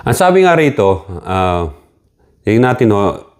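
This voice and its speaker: A man's voice: on the low side, big pitch swings, measured pace. A man with a Filipino accent preaching a sermon, switching between Filipino and English, repeating key words and rising for quoted cries.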